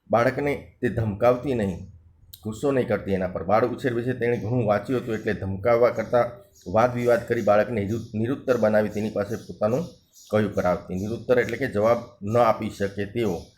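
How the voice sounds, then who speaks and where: A man with a lowish, somewhat dark voice, with faint hiss or hum in the recording. He's a teacher reading a story from a textbook aloud, pausing after each passage to restate it and explain the harder words. He performs the dialogue lines in an altered voice.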